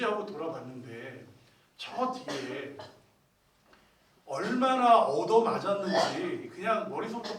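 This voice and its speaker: Retreat leader, man, vivid storyteller, slightly raised pitch, distant from the mic in an echoing hall. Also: a bit bright. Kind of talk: retreat meditation talk.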